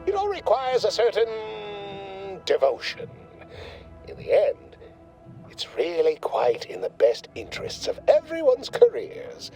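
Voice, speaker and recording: A pompous corporate lab boss from a video game, gushing buzzwords and talking down to everyone. His voice sits a little high and swoops all over as he lectures, with soft game music underneath. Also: huge pitch swings, slow pace, full character voice, low-quality recording. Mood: smug. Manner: verbose, condescending corporate jargon.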